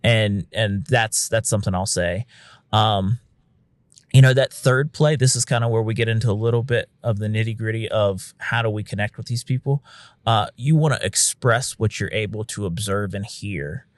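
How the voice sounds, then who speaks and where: A man's voice: lowish voice, moderate pace, no echo. A man who works as a paramedic, explaining in casual podcast talk and acting out what he says to patients, frank and now and then swearing. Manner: frank, conversational, uses occasional swearing; acts out quotes of what he'd say to patients. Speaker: paramedic and instructor.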